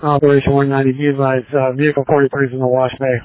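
A man's voice: mid-range voice, flat delivery, rapid-fire, no echo. A man calling in clipped emergency radio traffic, heard through a tinny two-way radio. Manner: clipped radio call-outs. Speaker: emergency unit crew member on radio. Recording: dry, phone-like radio band.

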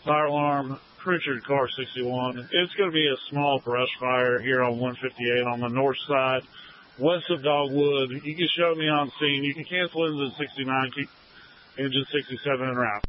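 A man's voice: mid-range voice, fairly even intonation, normal speed. Man on crackly fire radio. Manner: clipped, procedural radio talk. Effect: two-way fire radio. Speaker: fire unit officer on radio. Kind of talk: radio dispatch traffic. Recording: muffled lo-fi radio with faint static.

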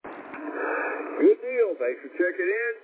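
A man's voice: sits high, very animated, slow. A man running an amateur radio net as net control, his voice heard over a radio transmission with static. He talks in a clipped, businesslike way. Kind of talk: radio net check-in procedure. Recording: narrow radio band with faint static.

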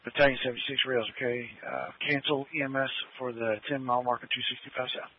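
Man, emergency dispatcher, two-way radio, quick clipped delivery, narrow phone-like sound. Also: medium pitch, fairly even intonation, slightly rough. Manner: terse, rapid, procedural. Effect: two-way emergency radio transmission. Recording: narrow tinny radio channel.

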